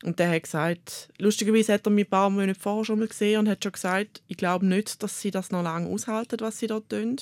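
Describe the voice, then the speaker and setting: A young woman with a Swiss German accent, speaking candidly as an interview guest with halting restarts. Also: mid-range voice, fairly even intonation, a little mellow, dry recording, studio quality. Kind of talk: personal interview talk.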